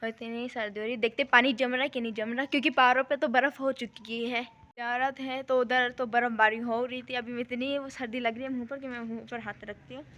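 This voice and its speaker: A woman's voice: on the high side, fairly even intonation, a little fast, fairly bright tone. Chatty young woman vlogging on a windy rooftop. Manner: chatty, talks while shivering in the cold. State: sore throat. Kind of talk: casual vlog chat. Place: rooftop outdoors at night, windy.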